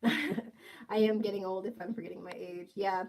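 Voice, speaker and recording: Hosting a casual livestream, a woman in her twenties reads chat comments and jokes playfully with her viewers, teasing them with jokey asides. Her mid-range voice is gravelly and a little mellow, and she speaks at a moderate pace. The recording is rough.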